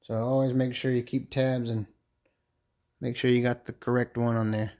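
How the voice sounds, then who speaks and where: A man's voice: mid-range voice, flat delivery, normal speed, darkish tone. A man chatting casually on a live stream as he turns a pen and answers viewer comments. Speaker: woodturner streaming a pen turning.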